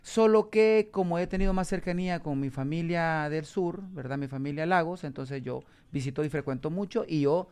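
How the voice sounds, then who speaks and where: A man's voice: fairly high pitch, moderate pace, few pauses, a little mellow, clear, resonant tone. A Honduran man in his forties, a radio station engineer talking as a guest in an on-air interview, earnest and given to fervent religious exhortation. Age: 40s.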